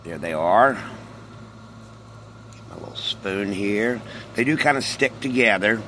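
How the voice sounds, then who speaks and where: Slow, chatty man vlogging from a car. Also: fairly low pitch, expressive, sharp tone, a little hiss or hum, low-quality recording. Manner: unhurried, chatty, talks with his mouth full. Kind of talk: casual product-test vlog.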